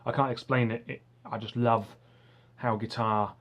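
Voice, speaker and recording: A man of medium pitch chats to camera in an earnest, enthusiastic way. He pronounces his R softly, closer to a W, and rambles along like an online music teacher sharing advice. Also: little pitch movement, normal speed, lo-fi sound. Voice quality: soft R sounds, says w for r. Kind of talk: casual talk to camera.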